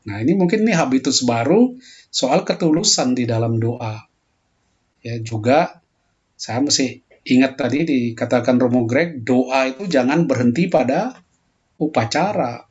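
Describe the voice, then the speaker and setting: A man lecturing calmly in a pastoral theology talk, answering a question, and lifting his voice when he acts out quoted prayers. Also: mid-range voice, a little slow, long pauses, highs cut off. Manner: explains calmly, voicing heated quoted prayers more loudly.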